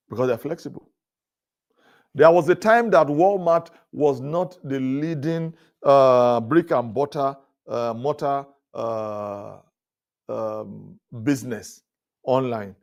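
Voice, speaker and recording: A man giving a sermon-style leadership talk at a conference. He speaks animatedly, chuckles between points, and his pitch climbs high when he drives a point home. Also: slow pace, a little mellow. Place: conference hall.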